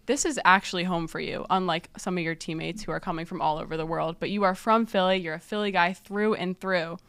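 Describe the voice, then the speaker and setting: A woman's voice: fairly low pitch, fairly even intonation, fairly quick, fairly bright tone, clean tone, dry recording. A woman hosting a podcast, chatting casually and asking follow-up questions. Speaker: podcast host.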